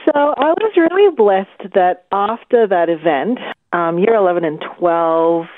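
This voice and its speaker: A woman's voice: mid-range voice, expressive, unhurried. A woman in her forties from Malaysia, a psychologist talking over the phone about her life in a thoughtful way, with some fillers. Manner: thoughtful, with fillers and small laughs. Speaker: guest, clinical psychologist. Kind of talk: phone interview, personal story. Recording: tinny phone line.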